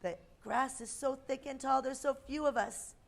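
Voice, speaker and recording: Lady doing a mama bunny from a kids storybook, high voice, worried n pleading. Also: steady tone, moderate pace, vocal fry. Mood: frantic, worried. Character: worried mother rabbit, frantic and pleading. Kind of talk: children's storybook read-aloud.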